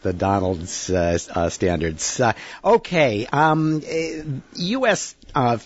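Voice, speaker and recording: A man hosting a podcast, talking in a halting way with many fillers. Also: medium pitch, expressive, no echo, highs cut off. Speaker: podcast host. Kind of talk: casual podcast chat.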